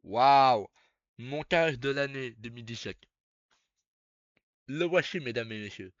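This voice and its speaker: A young man, chatting casually on a live stream as he reacts, swearing and breaking into loud laughs. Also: medium pitch, expressive, measured pace, dry recording, muffled recording. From Belgium.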